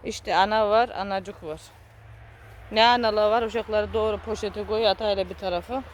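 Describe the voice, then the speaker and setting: A woman's voice: medium pitch, steady tone, normal speed, dull audio, slight background noise. A woman with a Trabzon Turkish accent, telling an emotional personal story in an earnest, regretful way. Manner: earnest, regretful, speaks with repetition and local dialect words. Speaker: vlogger.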